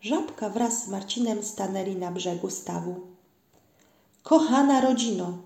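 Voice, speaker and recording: A woman narrating a children's storybook in a gentle storytelling manner, in a roomy-sounding recording. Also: medium pitch, normal speed, creaky. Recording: roomy echo.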